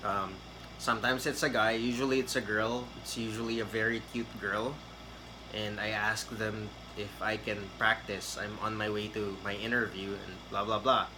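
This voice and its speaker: Talking casually to camera, a Filipino man rambles through advice on landing a call center job, with plenty of fillers and false starts. His fairly low voice is flat, at a moderate pace, with background noise behind it.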